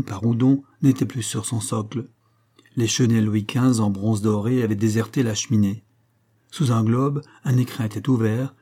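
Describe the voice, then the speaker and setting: A man reading a story aloud in measured narration, raising his voice for the characters' quoted lines. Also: mid-range voice, mellow, husky. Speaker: audiobook reader. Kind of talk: scripted narration.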